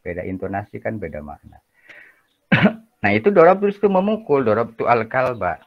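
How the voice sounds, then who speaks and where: A man's voice: fairly low pitch, very animated, normal speed, lo-fi sound. A man lecturing a class in a casual, chatty way, joking and often asking for agreement. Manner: chatty, jokey, peppers talk with tag questions. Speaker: university lecturer.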